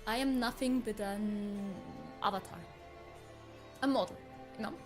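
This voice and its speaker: A man's voice: high voice, fairly even intonation, measured pace. A man speaking through a voice changer that makes him sound female, playing a teasing, sarcastic AI avatar who chats casually with viewers. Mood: chatty. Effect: voice changer making a man sound female. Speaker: streamer. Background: faint game soundtrack music.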